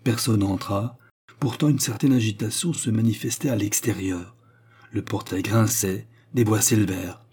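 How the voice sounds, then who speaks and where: A man reading a novel aloud in a steady, measured narration. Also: on the low side, slightly rough. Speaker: audiobook reader. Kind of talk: scripted narration.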